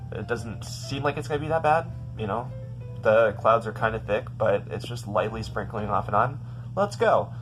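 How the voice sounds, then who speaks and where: A young man with a low voice vlogs from his bedroom about a rough day. He rambles and restarts often, sounding upset. Faint music plays underneath. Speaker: vlogger. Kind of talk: casual storytelling vlog.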